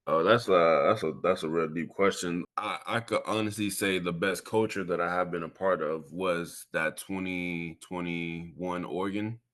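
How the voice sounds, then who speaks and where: A Miami man in his twenties, a college football player being interviewed, speaks casually and earnestly, often repeating himself for emphasis. His voice sits low and a bit bright, with fairly even intonation. He keeps a moderate pace with few pauses.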